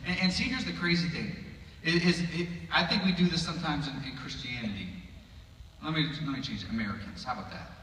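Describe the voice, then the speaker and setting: A man's voice: on the high side, animated, a little fast, pushed and bright, a little hiss or hum. A man giving a casual sermon in a chapel, reading scripture and making joking, sarcastic asides, recorded on a phone from the audience. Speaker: preacher. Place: chapel hall. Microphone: audience member's phone from far off. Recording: echoey hall, phone from far off.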